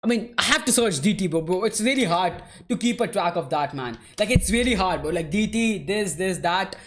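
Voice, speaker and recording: A man hosts a live football watchalong. He calls the play in a relaxed, chatty way, and his talk is full of "bro" and "man". He answers his viewers with an easy laugh. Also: sits high, fairly quick. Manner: laughs easily while answering chat. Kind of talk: live match commentary and chat replies.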